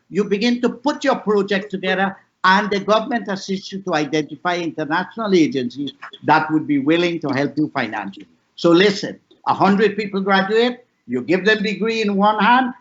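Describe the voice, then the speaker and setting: Guyanese guy in his 60s, high-ish voice, preachy lists, dull online call sound. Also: a bit bright. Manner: emphatic, repetitive lists, rising and falling pitch. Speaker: panel guest, professor. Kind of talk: impassioned panel discussion.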